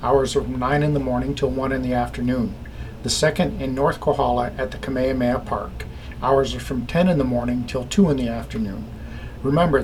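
Man reading an official bulletin over noise. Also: medium pitch. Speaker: civil defense announcer. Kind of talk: scripted public information bulletin. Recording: clearly noisy background.

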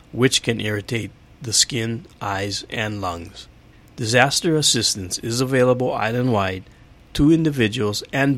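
A man reading a public safety bulletin as a civil defense announcer, with a measured, formal official delivery. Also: lowish voice, fairly bright tone.

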